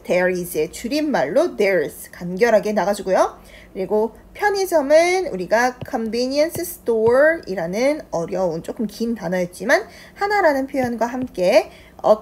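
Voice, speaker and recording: A woman with a Korean accent, teaching an English lesson and explaining phrases patiently, step by step. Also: fairly high pitch.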